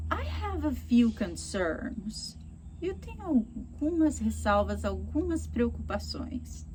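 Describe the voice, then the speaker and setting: A woman teaching English, explaining phrases and acting out examples, repeating each phrase slowly. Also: a little high, a little hiss or hum. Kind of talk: explaining lesson.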